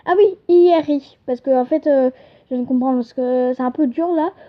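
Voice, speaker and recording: A woman's voice: sits high, fairly even intonation, fairly quick. A young woman giving a casual home-made language lesson, chatty and hesitant, often correcting herself. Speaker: channel host teaching an invented language. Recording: dull lo-fi home recording.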